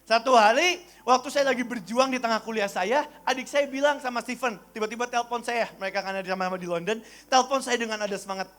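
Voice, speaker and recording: High-voiced lively young preacher. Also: male voice, fast talker, hardly any pauses. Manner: animated storytelling, shouts when quoting, laughs at himself. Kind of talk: sermon.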